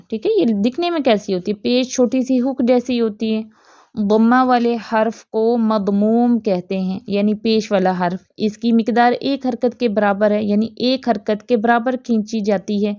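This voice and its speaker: Woman tajweed teacher, patient question-and-answer delivery, slightly high voice, dry muffled recording. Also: warm tone, dry recording. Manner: patient, explains with questions and repeated examples. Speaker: Quran recitation teacher. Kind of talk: tajweed lesson.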